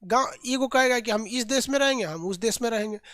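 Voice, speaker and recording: Playful teacher drilling country names. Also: male voice, extremely high pitch, brisk, a bit bright, dry recording, studio quality. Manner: drills lists by repetition, colloquial and playful. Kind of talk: live online geography class.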